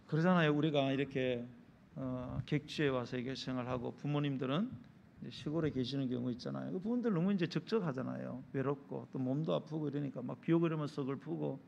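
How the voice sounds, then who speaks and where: A man's voice: mid-range voice, fast, vocal fry, darkish tone, lo-fi sound, slight background noise. A man preaching a sermon as pastor, asking the congregation questions and acting out short dialogues in character voices. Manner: asks the congregation rhetorical questions. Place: church sanctuary.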